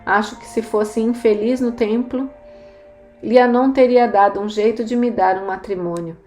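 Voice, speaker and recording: A woman reading the lines of a frank, dry older priestess in an audiobook, speaking in a measured way. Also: a little high, fairly even intonation, warm tone, close to an everyday voice. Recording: roomy echo, faint music.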